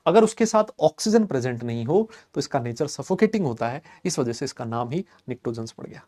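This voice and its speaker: A man teaching a chemistry class, chatty and lively, quizzing and teasing his students and mixing English terms into his talk. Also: medium pitch, a little fast. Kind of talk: classroom lecture.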